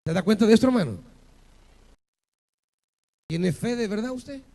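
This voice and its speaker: A male pastor preaching a sermon with passion, asking the congregation rhetorical questions and building to shouted peaks. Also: high voice, animated, measured pace.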